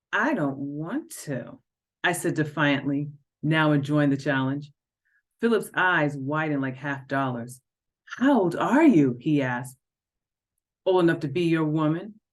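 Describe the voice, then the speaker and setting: A woman reading an excerpt of her own novel aloud, telling the story expressively. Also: low-pitched.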